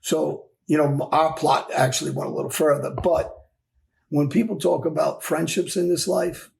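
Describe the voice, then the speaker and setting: Gravelly blunt-talking man. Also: fairly high pitch, fairly even intonation, normal speed, a little mellow, slight background noise. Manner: blunt, emphatic, repeats phrases. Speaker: former mob enforcer guest. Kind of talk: candid storytelling interview.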